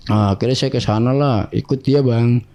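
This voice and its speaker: A man telling his life story to an interviewer in a casual, animated way, acting out the dialogue of the people in it. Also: medium pitch, moderate pace. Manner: animated, acts out quoted dialogue in other voices; keeps addressing the listener as "bang".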